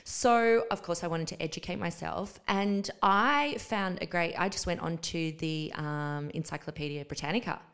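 A woman's voice: lowish voice, moderate pace, few pauses, a bit bright, clean tone. Chatty woman podcast co-host. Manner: chatty, laughs easily, thinks aloud with ums. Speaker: podcast co-host, Pilates teacher trainer. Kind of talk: casual podcast chat.

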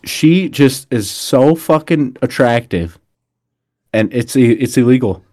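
Young frat-bro guy, medium pitch. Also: lively intonation, slow, dark tone. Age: young adult. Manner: frat-bro slang, blunt and profane. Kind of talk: casual chat, storytelling.

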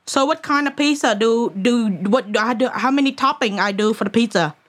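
A woman voicing a fussy, rambling prank caller with a put-on accent, asking halting, repetitive questions. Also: fairly high pitch, natural voice. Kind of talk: prank phone call.

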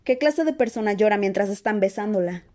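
A woman's voice: mid-range voice, expressive, fairly quick, dark tone, natural voice. Woman doing a tactless teen boy, blunt, teasing, storybook reading. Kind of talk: dramatized audiobook reading.

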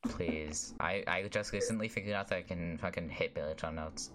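A man's voice: low-pitched, a little fast, noisy background. A teenage boy with a slight lisp, co-hosting a podcast in rambling casual chat and swearing freely. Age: teens. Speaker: podcast co-host.

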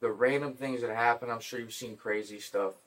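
A man hosting a podcast, telling stories in a casual, profane, animated way. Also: medium pitch, a little fast, far from the mic. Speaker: podcast host.

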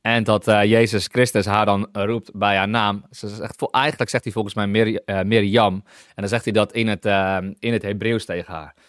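A man's voice: fairly low pitch, fairly even intonation, moderate pace, no echo, studio quality. A man teaching through a Bible passage, enthusiastic, often breaking into hallelujah and restarting sentences as he explains scripture. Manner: many restarts while reading and explaining scripture.

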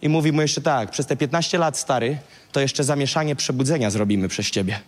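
A man preaching a sermon, telling a Bible story in casual slang and acting out its dialogue with lively energy. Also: medium pitch, a little fast, in a large hall. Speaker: pastor.

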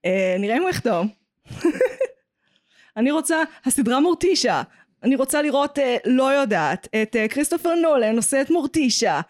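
A woman's voice: high-pitched, big pitch swings, darkish tone, dry recording. Israeli woman, dry close sound, chatting casually. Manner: opinionated, jokey, slips English phrases into talk. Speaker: podcast co-host. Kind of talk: casual pop-culture chat.

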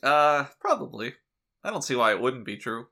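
A man co-hosting a casual podcast, his voice bright and forward. He jokes in a deadpan, mock-serious way, playing it straight. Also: medium pitch, normal speed. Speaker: podcast co-host. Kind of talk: casual chat.

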